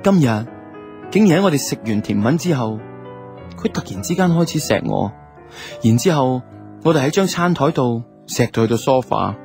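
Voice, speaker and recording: In a creaky, slightly mellow medium-pitched voice, a Hong Kong Cantonese-accented man plays an easygoing young man recounting his love life thoughtfully and casually for a radio drama. He speaks expressively at normal speed over background music.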